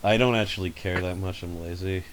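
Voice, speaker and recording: A man hosting a casual podcast over a voice call, telling rambling, animated stories. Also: low-pitched, brisk, a crowd in the background. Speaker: podcast host. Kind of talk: casual chat. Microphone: home microphone over a voice call.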